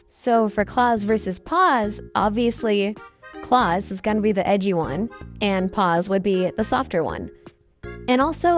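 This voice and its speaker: A young woman speaks in a high register, altered by a voice changer. She gives casual, off-the-cuff commentary as a hobby artist hosting her own video, informal and self-deprecating, with music playing behind her.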